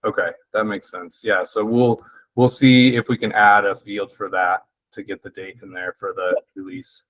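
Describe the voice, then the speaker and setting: A man's voice: lowish voice, flat delivery, normal speed, a bit bright, dry recording, rough recording. A man taking part in an online meeting, thinking aloud as he asks questions, heard over a video call. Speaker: meeting participant. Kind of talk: casual online meeting talk.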